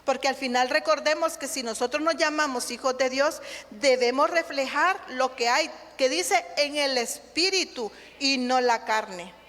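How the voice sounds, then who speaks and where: A Honduran woman preaches with earnest emphasis, her voice pitched high. She calls her listeners brothers and drives each point home. Her words trail off into a long reverb, as in a large hall. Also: a little slow, fairly bright tone. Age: adult, married with a child. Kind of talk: sermon.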